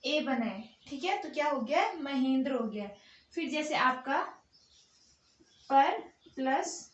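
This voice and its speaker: High-voiced woman teaching, echoey room. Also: lively intonation, normal speed, fairly bright tone. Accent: Uttarakhand Hindi. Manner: asks questions and answers them herself, repeating "theek hai". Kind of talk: Hindi grammar lesson. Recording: echoey room, dull lo-fi sound.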